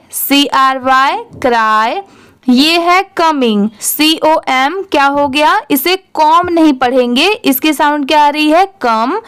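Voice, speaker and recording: Slow, patient woman teacher. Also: high voice, dry recording, studio quality. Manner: slow and patient, often asking what a word is read as and then answering. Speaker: English reading teacher. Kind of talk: spelling out words letter by letter for learners.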